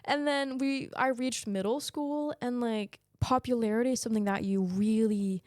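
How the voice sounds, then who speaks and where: Laughing often, a young female guest who is a native Danish speaker talks candidly and with animation in a casual interview. Her voice is fairly high and moderately paced, captured with studio quality and no echo.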